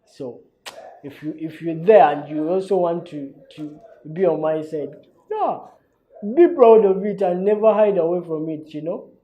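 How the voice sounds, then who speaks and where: This young Ugandan man hosts his own talk show, rambling through a loose, chatty monologue. His voice is high and his pace normal, though the recording sounds muffled. He often repeats words and tacks "you know" and "man" onto his lines.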